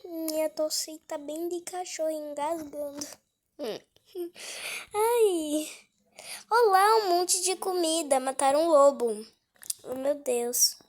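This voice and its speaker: Here a woman fighting a cold chats her way through a game for her channel, her high voice slightly mellow. She startles easily, talks a lot, and frequently lowers herself to a whisper.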